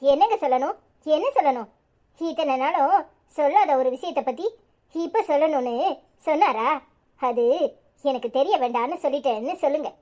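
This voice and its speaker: A woman plays a stubborn young cartoon wife whose high voice drops into a curt, dismissive tone. She speaks with a Tirunelveli Tamil accent. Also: normal speed, long pauses, mellow, lightly acted. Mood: guarded. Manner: curt, dismissive, brushing things off. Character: young village wife, stubborn, sulky and defensive.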